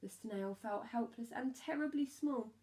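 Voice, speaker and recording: A woman narrating a rhyming children's story like a primary teacher, expressive and emphatic on key words. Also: a little high, measured pace, poor audio.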